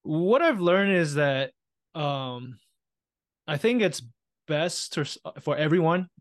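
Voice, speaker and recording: A man's voice: a little high, animated, takes it slowly. A man in his thirties from Taiwan, a real estate investor speaking as a guest in a casual interview, reflective and often checking in with "right?". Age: 30s.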